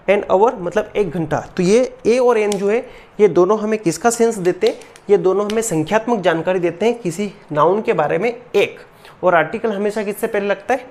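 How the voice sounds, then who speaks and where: Patient woman teaching grammar. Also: mid-range voice. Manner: keeps asking rhetorical questions, calls students "beta"; patient, slow repetition of each rule. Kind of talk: classroom grammar lesson.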